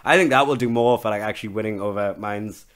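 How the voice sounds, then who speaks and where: A man's voice: fairly low pitch, fast. A man with a Geordie accent, a comedian guest on a podcast, chatting casually and acting out quotes as he tells stories. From Newcastle, England. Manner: storytelling, animated, acts out quotes.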